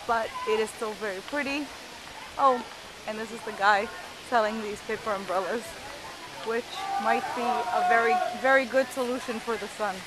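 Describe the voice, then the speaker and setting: Holding the camera herself in a busy city piazza, a woman travel vlogger narrates off the cuff with a few hesitations. Her voice sits somewhat high and moves at a moderate pace, with faint street noise in the background.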